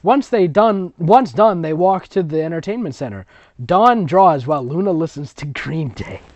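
A sarcastic, exasperated reader narrates amateur fiction in a mid-range, expressive voice at a moderate pace, slightly mellow, and keeps breaking off to mock it with ad-libbed commentary. The recording is close, dull and lo-fi, with no echo.

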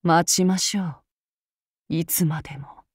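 For a video game, an actress voices a courteous samurai woman who speaks in an old-fashioned way but hides a demonic, bloodthirsty side, her gentle formality breaking into piercing war cries. Menacing yet polite, her husky delivery is measured and fairly even, captured in studio quality with no room sound.

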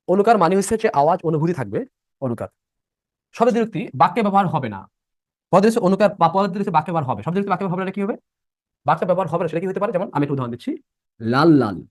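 A young male teacher runs a live online class, restating each rule and firing questions at his students. His voice sits a bit high and swings widely in pitch as he rushes along. The sound is dry and close. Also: no echo. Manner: repeats points and quizzes students by asking questions. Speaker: admission-prep teacher.

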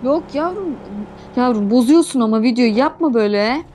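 A woman's voice: a little high, expressive, normal speed, mellow, slight background noise. A woman co-player teasing her partner playfully in casual chat during a game.

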